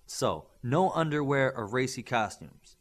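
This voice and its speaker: In audiobook character dialogue, a male narrator voices a stern mentor of young superheroes, lecturing firmly and on principle with lots of rhetorical questions. His mid-pitched voice rises and falls emphatically, animated yet a little slow.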